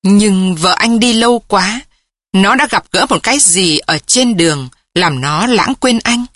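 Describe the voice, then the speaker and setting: Slow, breathy woman reading a sad story. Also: medium pitch, expressive, a bit bright, no echo, clean studio sound. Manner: slow, mournful, measured. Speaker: narrator.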